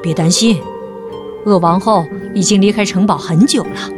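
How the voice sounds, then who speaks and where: A woman voicing a gentle young prince in a children's story, in a lowered, reassuring tone. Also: moderate pace, over music, lightly acted.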